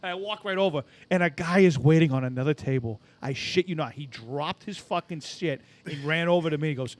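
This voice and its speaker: A man telling stories in a casual podcast chat, animated and swearing often, acting out what other people said. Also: fairly high pitch, brisk, no room sound. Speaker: podcast co-host.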